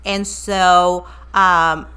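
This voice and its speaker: A woman's voice: lowish voice, little pitch movement, extremely slow, sharp tone. A woman from Mexico, a coffee shop owner chatting gratefully as an interview guest. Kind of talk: casual interview.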